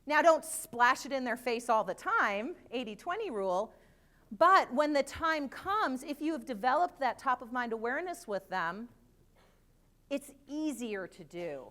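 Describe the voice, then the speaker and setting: Conference speaker, middle-aged woman, higher voice, lively presenter with quick jokes. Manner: lively, chatty, joking asides. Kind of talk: live presentation to an audience.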